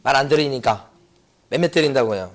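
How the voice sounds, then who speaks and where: A man's voice: mid-range voice, fairly quick. A middle-aged man giving an exam prep lecture, asking rhetorical questions and repeating key points. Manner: lively, rhetorical questions and repetition.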